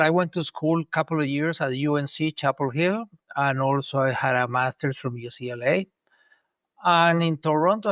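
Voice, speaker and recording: A man's voice: on the high side, fairly bright tone, no room sound. A man from Colombia in his sixties, answering interview questions in a rambling way with many ums and restarts. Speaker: guest, urban planner.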